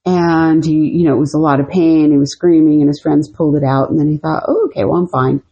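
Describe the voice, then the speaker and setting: Husky low-voiced woman telling stories. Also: level tone, a little fast, warm tone, dull audio. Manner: rambling, with many fillers and restarts. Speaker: podcast co-host. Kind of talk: casual storytelling chat.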